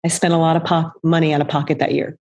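A woman's voice: low voice, flat delivery, a little mellow, muffled recording. A middle-aged woman, a nonprofit founder, telling her story in an interview in an earnest, conversational way. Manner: earnest, conversational, with quick restarts.

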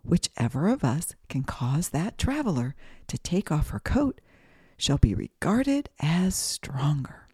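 A calm, patient sun speaks in a mild, unhurried way in a children's storybook tale, as a woman puts it on. The voice is low and mellow. It never rushes. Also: breathy edge, no echo, studio quality, exaggerated voice. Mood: gentle.

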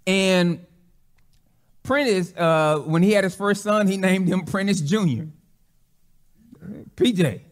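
High-voiced man preaching conversationally. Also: slow, long pauses. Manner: conversational preaching with frequent restarts and acted-out quotes. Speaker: pastor. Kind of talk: sermon.

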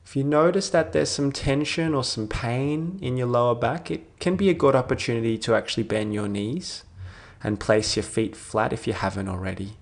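In a mid-range voice, a man narrates a guided sleep meditation in the calm style of a sleep story. Each gentle phrase softly trails away, followed by a long pause.

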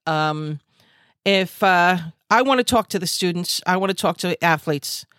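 A fired-up woman rants straight into a video call, her voice low and dry. She repeats herself for emphasis and stumbles through fillers as her anger builds. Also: unhurried, fairly bright tone, no echo. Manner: angry, emphatic, repetitive, with many fillers. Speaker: host. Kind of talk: impassioned monologue.

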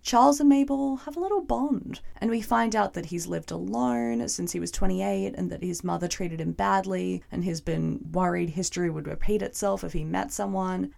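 Young woman, hoarse gravelly rasp, heavy vocal fry, middle pitch, chatty and wry TV recap. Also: a little mellow. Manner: chatty, wry, playfully sarcastic. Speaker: TV reviewer. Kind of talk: casual episode recap and review.

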